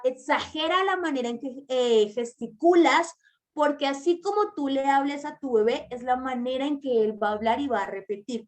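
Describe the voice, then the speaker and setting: High-voiced woman teaching a masterclass. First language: Spanish. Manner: explains slowly, stresses words, addresses mothers directly. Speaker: early-childhood language teacher. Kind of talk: online masterclass lecture.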